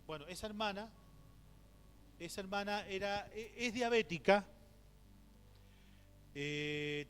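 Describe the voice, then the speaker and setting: A high-pitched, fairly bright, clean male voice belongs to a middle-aged Chilean pastor speaking at a church conference. He teaches through stories and rhetorical questions, dramatizing quoted voices. It was captured in a reverberant church hall with a faint hum.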